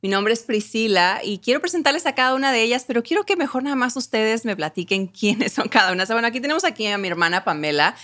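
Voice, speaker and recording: Woman, podcast host, bright and lively tone, casual friendly chat. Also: on the high side, quick pace, few pauses.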